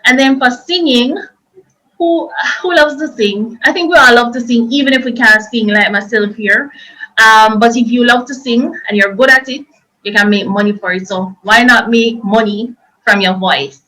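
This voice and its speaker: A woman's voice: on the high side, normal speed, sharp tone, low-quality recording. A woman presenting an informal online workshop, explaining things in a chatty, loose and repetitive way.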